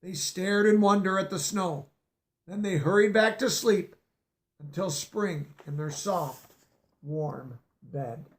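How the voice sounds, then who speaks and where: Here a man reads a picture book for kids in a very high voice, telling it with soft expression. He occasionally breaks off to explain certain words to young listeners.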